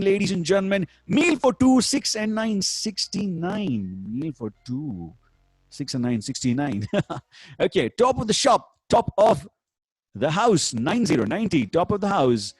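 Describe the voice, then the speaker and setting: A man's voice: on the high side, darkish tone, slightly rough, no room sound. A man with an Indian accent working as a bingo caller, calling numbers with rhymes in a showy, repetitive sing-song patter. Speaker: bingo caller hosting an online game.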